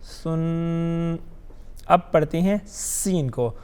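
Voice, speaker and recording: A man teaching Quran recitation. He draws out each Arabic letter slowly, then explains quickly, asks the viewer questions and answers them himself. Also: on the high side, a little mellow.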